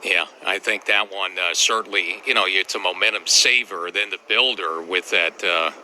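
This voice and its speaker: A man anchors live golf commentary in a very bright, forceful voice, slightly low in pitch. There is faint noise behind him. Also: normal speed.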